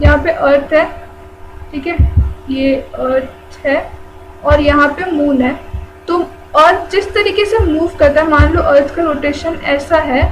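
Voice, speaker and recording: A woman's voice: sits high, low-quality recording. A woman teaching a general-knowledge lesson, who repeats key terms and asks and answers her own questions.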